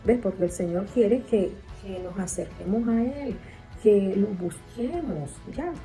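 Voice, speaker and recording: A woman's voice: mid-range voice, lively intonation, unhurried, dark tone, soft background music, low-quality recording. A woman preaching a sermon, repeating her phrases for emphasis and often asking "right?" of her listeners. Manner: repetitive, emphatic preaching with tag questions.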